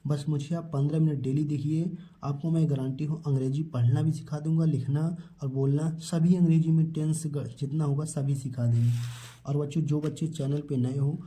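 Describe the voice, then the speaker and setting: A man gives a step-by-step spelling and pronunciation lesson, posing questions and answering them himself. His voice sits a little high for a man, and its tone is very dark and mellow. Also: steady tone, moderate pace. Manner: asks questions and answers them himself, repeating each word; addresses viewers as children. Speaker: English teacher.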